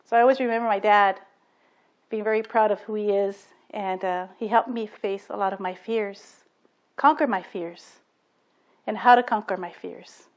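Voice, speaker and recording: A woman giving a personal testimony about her late father, in an earnest, halting storytelling manner. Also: mid-range voice, steady tone. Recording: dull lo-fi sound.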